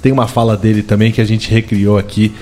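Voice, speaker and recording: A man's voice: lowish voice, flat delivery, quick pace, a little mellow. A Brazilian man co-hosting a podcast, chatting conversationally about football history. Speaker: podcast co-host.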